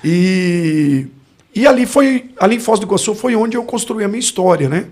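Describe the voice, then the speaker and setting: This guest on a podcast is a Brazilian pastor in his forties who looks back on his life thoughtfully, frequently hunting for the right word. He speaks at a normal speed with a Brazilian Portuguese accent, his somewhat high voice lively in intonation and a little mellow.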